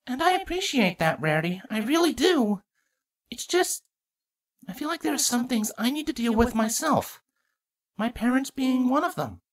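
Brief: woman voicing an earnest young mare pony, soft and a bit raised in pitch. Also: big pitch swings, normal speed. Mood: subdued. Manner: soft and subdued.

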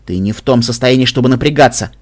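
A man's voice: medium pitch, fast talker, no echo, natural voice. Man playing a firm, serious pony doctor.

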